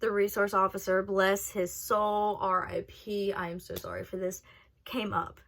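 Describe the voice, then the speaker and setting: A young woman on a vlog recounting a personal story in a candid, profane, animated way. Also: mid-range voice, measured pace. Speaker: vlogger telling a personal story. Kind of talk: casual storytime monologue.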